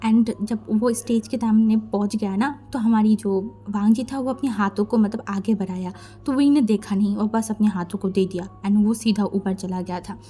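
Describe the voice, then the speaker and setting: A woman's voice: mid-range voice, fairly even intonation, normal speed, hardly any pauses, mellow, breathy edge. A woman casually narrating a fan fiction story in a chatty, conversational way. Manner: chatty, conversational, mixing in English words.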